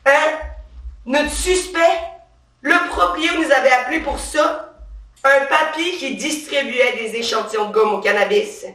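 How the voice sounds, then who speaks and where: A swaggering, defensive female cop, played by a woman in a satirical stage monologue. The voice is sharp and tense, picked up from across an echoey theatre stage. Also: high voice, a little slow. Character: brash trigger-happy female police officer, touchy and power-proud. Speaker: stand-up character performer. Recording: roomy stage sound from far off.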